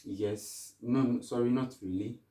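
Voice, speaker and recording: A man's voice: mid-range voice, steady tone, a little slow, dark tone, roomy sound, far from the mic, low-quality recording. A young man from Ghana, a guest in a casual interview, answering thoughtfully with many restarts.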